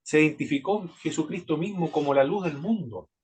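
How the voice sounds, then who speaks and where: A man with a Chilean accent teaching a theology class at a Bible institute, lecturing in a halting way with frequent restarts. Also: a little high, darkish tone, breathy edge. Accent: Chilean Spanish. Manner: halting, many restarts and repeated words.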